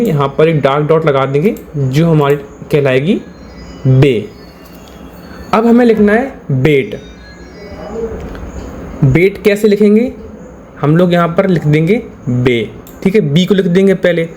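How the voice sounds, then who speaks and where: A man teaching a lesson in a patient, step-by-step way, going back over each point and pausing to check that his students are with him. His voice sits a little high for a man. A faint hum of ambient noise runs behind him. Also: a little mellow. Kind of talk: step-by-step classroom explanation.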